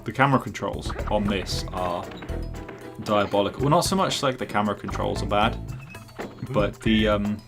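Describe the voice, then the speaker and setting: Gravelly man streaming a game. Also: on the low side, moderate pace, over music. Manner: rambling, joking, chats with viewers. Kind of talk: casual live gameplay commentary.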